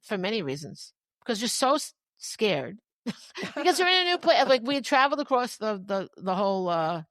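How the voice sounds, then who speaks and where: A podcast host in her fifties with a Long Island accent chats casually and swoops all over her pitch as she tells stories. She often restarts and repeats her words. The sound is close and dry, with no room ring. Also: sing-song, normal speed, a bit bright, dry recording. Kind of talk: casual chat.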